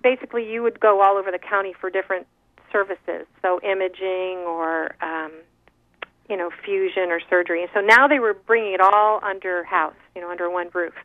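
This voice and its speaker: A woman calls in to a radio talk show and tells a story in an animated, giggly way, often restarting her sentences. Her voice sits at an ordinary middle pitch. It comes through a thin, tinny phone line with no room sound. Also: a little fast, dry recording. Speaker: guest speaker. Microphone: phone call.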